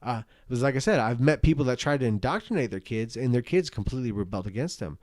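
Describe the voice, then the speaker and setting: A drunk man talks through his opinions in a medium-pitched voice, rambling and circling back on his points. He is earnest, emphatic and blunt. The sound is dry, with little room to it. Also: lively intonation, fast, darkish tone, no room sound. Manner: earnest, emphatic, repeats himself. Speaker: parent giving personal opinions. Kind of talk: rambling rant to an online audience.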